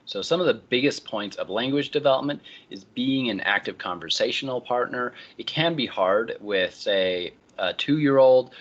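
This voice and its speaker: A man lecturing a class, explaining in a relaxed way with many ums and uhs. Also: mid-range voice, moderate pace, few pauses, lo-fi sound.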